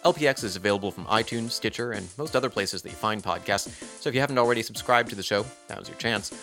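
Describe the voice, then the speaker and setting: A man hosting a podcast, asking questions and reading the closing announcements in a measured, explanatory way. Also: on the low side, bright, forceful tone, faint music behind. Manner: measured, explains points at length. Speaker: podcast host. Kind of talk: interview and scripted podcast outro.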